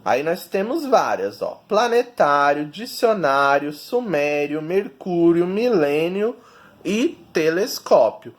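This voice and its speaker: Lively man teaching a class. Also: on the high side, takes it slowly. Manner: patient, explains step by step to children. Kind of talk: recorded video lesson.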